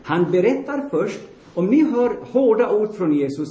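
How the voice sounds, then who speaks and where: A man's voice: high-pitched, sing-song, dark tone. A man preaching a sermon bluntly and emphatically, repeating himself for stress and putting questions to the congregation. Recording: roomy echoing hall.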